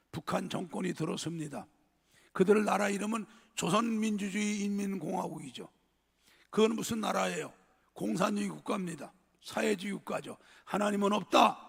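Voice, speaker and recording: An older male pastor delivers an emphatic sermon and keeps turning to address his congregation. His voice is pitched high, husky and raspy, with a strongly gravelly edge. It carries through a church sanctuary with a long, lingering reverb.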